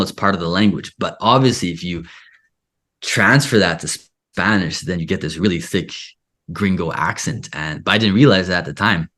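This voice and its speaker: A man's voice: sits low, a bit bright. A man talking as an interview guest, telling stories in a loose, rambling way and often stopping to lose and find his thread. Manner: rambling, self-interrupting storyteller. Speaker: guest, English teacher. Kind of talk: casual conversational interview.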